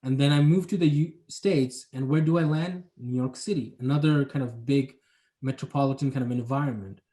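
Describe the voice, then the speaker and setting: A young man from Bangladesh with a dark, mid-range voice discusses his job as an urban planner. He is a guest in a casual interview and speaks reflectively, hedging often and leaning on fillers.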